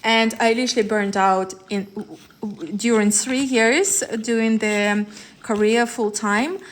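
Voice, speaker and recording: Speaking slowly in a fairly high voice, this Ukrainian woman chats with her live-stream viewers as a tarot reader. Her talk wanders, packed with fillers and false starts.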